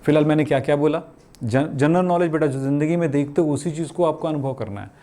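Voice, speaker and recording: Speaking quickly in a fairly high, mellow voice, a middle-aged teacher delivers a chatty chemistry lecture. He works through questions he poses himself, brings in everyday examples, jokes, and colloquially refers to his students as "beta."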